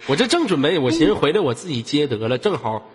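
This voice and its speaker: A man's voice: on the high side, sing-song, quick pace, slightly rough. A man hosting a live voice-chat room, teasing and playful as he banters. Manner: teasing, playful, laughs often. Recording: reverberant with loud background noise.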